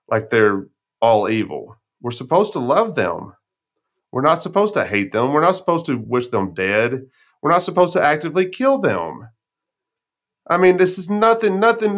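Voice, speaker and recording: A man's voice: mid-range voice, fairly bright tone. A man with a folksy West Texas twang, talking casually and telling personal stories as a podcast host. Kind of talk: casual conversation, personal storytelling.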